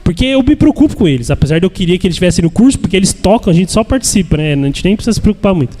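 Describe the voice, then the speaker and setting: A man's voice: sits high, big pitch swings, racing, warm tone. A man with a Brazilian accent teaching at a church congress, earnest and repetitive, often checking in with "né?". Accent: Brazilian Portuguese. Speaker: church speaker. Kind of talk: sermon-style teaching. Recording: echoey hall with long reverb.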